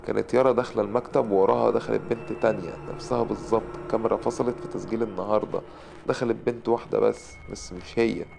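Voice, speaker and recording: A man with an Egyptian accent narrating a scripted horror story with brisk, dramatic delivery. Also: on the low side, gravelly, darkish tone, a little hiss or hum. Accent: Egyptian Arabic.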